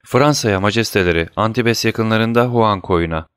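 A man's voice: on the low side, moderate pace, a bit bright, clean tone, no room sound, natural voice. A frightened minister pleads and mumbles before his king, as a man reads him out. His voice is raised and strained above the reader's own. The sound is dry. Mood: fearful, pleading. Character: frightened male government minister, groveling.

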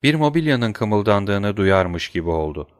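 A man reading a dramatic novel aloud in a measured, steady storytelling manner. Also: on the low side, dry recording, studio quality. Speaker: audiobook narrator.

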